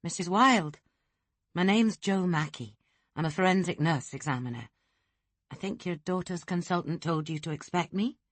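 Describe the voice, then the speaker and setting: A woman voicing a gentle, pleasant middle-aged nurse with a Scottish accent in an audiobook. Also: lowish voice, normal speed, no room sound, natural voice.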